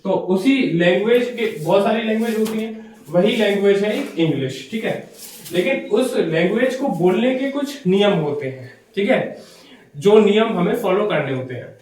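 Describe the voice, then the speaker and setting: Male English teacher, high voice, lecturing and quizzing the class, distant camera mic in a very echoey hall. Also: animated, normal speed, a little mellow. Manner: explains step by step, asks and answers his own questions. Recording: very echoey room, voice from afar.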